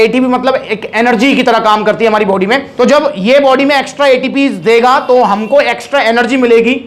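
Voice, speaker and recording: A man with a Haryanvi Hindi accent, talking casually as a supplement shop host and calling his viewers brother. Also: very high voice. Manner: chatty, addresses viewers as brother. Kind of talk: casual explainer.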